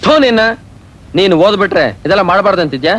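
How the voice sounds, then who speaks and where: An actor playing a loud, commanding eldest brother in a family film drama. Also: male voice, high voice, fast, rough recording. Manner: loud, commanding, comically broken English. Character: bossy, boisterous eldest brother of the house. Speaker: elder brother of the household, lead.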